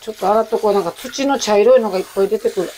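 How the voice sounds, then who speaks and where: A woman in her forties with a Kansai accent and a loud, rough-throated voice, chatting in a rambling, self-deprecating way while she cooks. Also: medium pitch, racing, slight background noise. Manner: chatty, self-deprecating, jumps between topics. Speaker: cooking vlogger. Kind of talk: casual chat while cooking.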